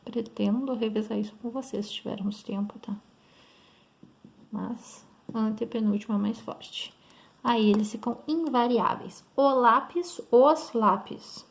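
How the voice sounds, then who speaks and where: A woman's voice: fairly high pitch, measured pace, gravelly. A woman with a Brazilian Portuguese accent teaching grammar in an online lesson, explaining step by step and checking in often with her students.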